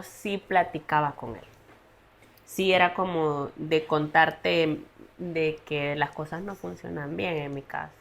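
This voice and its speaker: Creaky-voiced woman, halting. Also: low voice. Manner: earnest, halting, confessional. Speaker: guest sharing her story. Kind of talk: personal testimony in a podcast interview.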